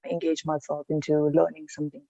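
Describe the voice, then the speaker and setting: A woman from India, a podcast guest, answering in an earnest, reflective way with pauses and restarts. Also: low-pitched, monotone, gravelly, warm tone, no room sound, lo-fi sound. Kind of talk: casual interview answers.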